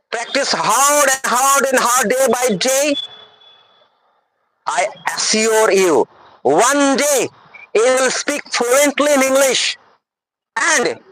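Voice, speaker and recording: This Bengali-accented woman, a native Bengali speaker, has a fairly bright voice on the high side, captured in a rough recording. As an English teacher she gives a motivational lesson earnestly and repetitively, addressing listeners directly and often making sure they follow.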